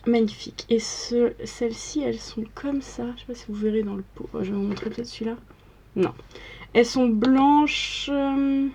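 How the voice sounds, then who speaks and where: Soft-toned young woman narrating makeup. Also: a little high, a little hiss or hum. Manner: chatty, step-by-step narration. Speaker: makeup vlogger. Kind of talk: casual makeup tutorial talk.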